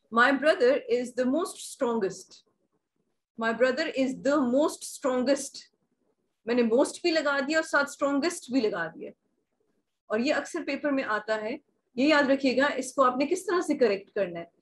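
A woman teaching grammar in an online class, patiently repeating examples and asking if things are clear. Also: sits high, a little hiss or hum, poor audio. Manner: patient, repeats examples slowly, asks checking questions. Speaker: English teacher. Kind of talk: online class, bilingual explanation.

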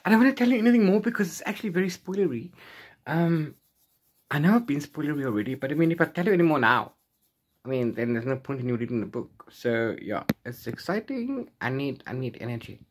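A book vlogger in his forties talks fast in a fairly high, animated voice, with a little hiss or hum on the recording. He chats to camera, unscripted, playful and rambling, often correcting himself, recorded at arm's length in a small room at home lined with bookshelves.

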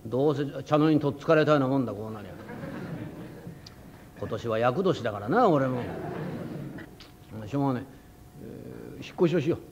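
A rakugo storyteller voicing a proud, hot-tempered tofu shop owner who talks loud and rough in an old Edo manner. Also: male voice, medium pitch, expressive, fairly quick, pauses often, background noise, pitched below the performer's own voice. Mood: blustering. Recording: dull lo-fi old recording.

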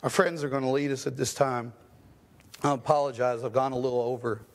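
A man's voice: medium pitch, fairly even intonation, fairly quick. A man preaching a sermon as pastor in a church, impassioned, with rising questions and stammered restarts. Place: church sanctuary.

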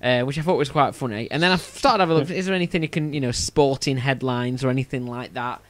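A man's voice: mid-range voice, quick pace, no echo. A man with a Yorkshire accent hosting a podcast in a casual, rambling way, often restarting his sentences. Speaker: podcast host.

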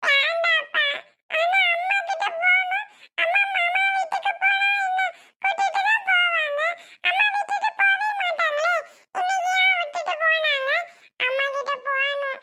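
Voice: extremely high pitch, level tone, measured pace, sharp tone, exaggerated voice. A performer voicing a small girl who keeps pleading, whiny and insistent, to be taken to her mother.

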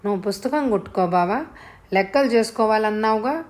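A woman voicing a lively, teasing young village girl with a childlike, pleading way of talking. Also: medium pitch, a little fast, close to an everyday voice.

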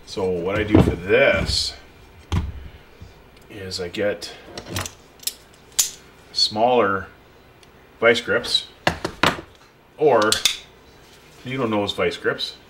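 Speaking extremely slowly with long pauses, a lowish-voiced pool and spa repair technician walks the viewer through a fix at his workbench. His casual, hands-on explanation is plain and unpolished, done while he works, with tool clicks and workshop noise around him.

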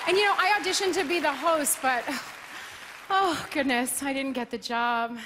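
A woman's voice: high voice, normal speed, heavy background noise. A woman hosting an awards show with a playful, self-mocking comedic monologue on a big stage. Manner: playful, self-mocking, bursts into sung lines. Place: large live arena stage. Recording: live arena sound with loud crowd. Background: audience applause and cheering.

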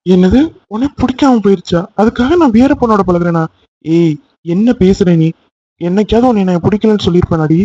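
A man's voice: high voice, fairly quick, dark tone, dry recording, dull audio. A man voicing a young man in a cartoon love story, pleading insistently with his angry girlfriend. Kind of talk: cartoon voice acting.

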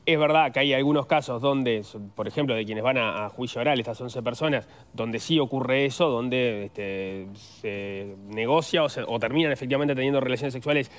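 A man's voice: medium pitch, normal speed, hardly any pauses. A man hosting a news talk show, briefing listeners on a case and questioning his guest, with frequent "este" fillers. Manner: informative, uses many "este" fillers. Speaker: radio show host, interviewer.

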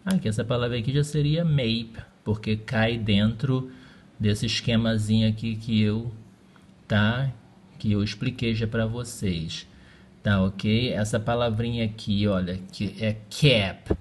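A man's voice: fairly low pitch, steady tone, unhurried, darkish tone, slight background noise. A man teaching English in a recorded lesson, speaking patiently and checking in often with his students. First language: Portuguese.

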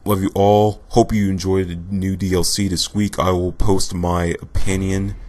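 A young man giving casual, rambling gameplay commentary, self-deprecating and a bit monotone and tired. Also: sits low, normal speed. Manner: rambling, self-deprecating, loose filler-heavy talk; says he sounds a little monotone and tired. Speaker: gaming commentator.

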